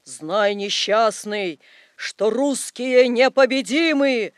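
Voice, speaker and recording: A man voicing a menacing ghostly Death figure, speaking in a slow, sepulchral wail. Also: very high-pitched, clear, resonant tone, dry recording, clean studio sound. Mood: doom-laden.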